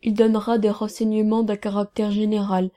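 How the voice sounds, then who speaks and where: A woman voicing a shifty male client with a chronic cold, answering slowly and hesitantly. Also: mid-range voice, little pitch movement, dark tone, lightly acted. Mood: evasive. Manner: slow, hesitant, stuffy-voiced.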